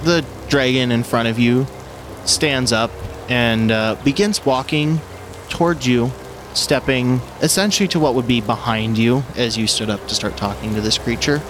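A man's voice: medium pitch, moderate pace. A man narrating a tabletop game as game master. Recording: clear rain noise behind.

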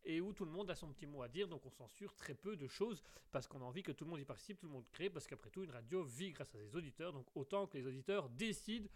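A man's voice: a little high, animated, fast talker. Playful, rambling man hosting a radio show. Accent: slight English accent. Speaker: radio host. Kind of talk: live call-in show hosting.

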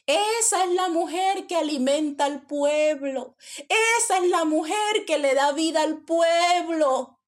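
A woman preaching and voicing a desperate male prisoner, a former teacher, who shouts slowly and emphatically. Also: very high-pitched, voice pushed up.

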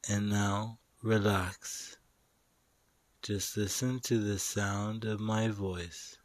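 In a dry recording, a man guides a meditation with a fairly low pitch and a steady tone. He delivers short, spaced-out phrases at a very unhurried pace, calm and instructive throughout.

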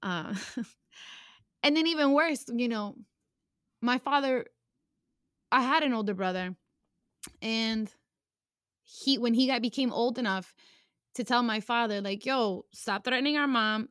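A woman's voice: on the high side, unhurried, long pauses, a bit bright, dry recording, clean studio sound. A young woman talking candidly about her past in a personal conversation, emotional and casual, with slang and swearing.

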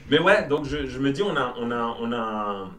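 A man's voice: medium pitch, expressive, normal speed, a bit bright, far from the mic. Host, man, casual rambling chat, restarts a lot, echoey room, sits back from the mic. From Belgium. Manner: rambling, repeats words while searching for them. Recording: roomy sound from off-mic.

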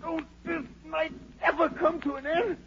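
An actor playing a proud, desperate fugitive emperor with a Southern American accent and anguished, pleading delivery in a radio drama. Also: male voice, very high-pitched, level tone, measured pace, a little hiss or hum. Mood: frightened, exhausted. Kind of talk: 1940s radio drama acting. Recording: dull 1940s radio broadcast.

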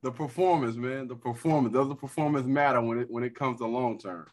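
A man hosting a casual group chat, talking loudly in slangy, joking banter. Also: mid-range voice, fairly quick. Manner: loud, slangy, laughing banter. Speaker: host.

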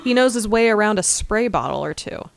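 A woman co-hosting a comedy podcast who makes dry, teasing, deadpan asides. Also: medium pitch, brisk, gravelly. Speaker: podcast co-host. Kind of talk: casual comedic chat.

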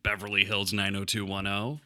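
A man's voice: fairly low pitch, little pitch movement, fairly quick, pushed and bright. A young man co-hosting a casual podcast, playful and mock-serious as he quizzes his co-host.

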